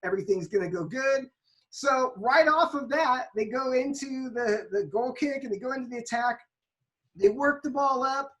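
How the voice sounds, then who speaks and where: Woman, high voice, podcast chat; animated storyteller who restarts her sentences and leans into the drama. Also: moderate pace. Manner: frequent restarts and emphatic retelling. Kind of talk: casual soccer podcast chat.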